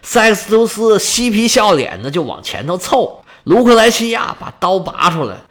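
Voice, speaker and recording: Dramatic male storyteller, lively voice. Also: high voice, moderate pace. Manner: dramatic, colloquial. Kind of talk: pingshu-style history storytelling.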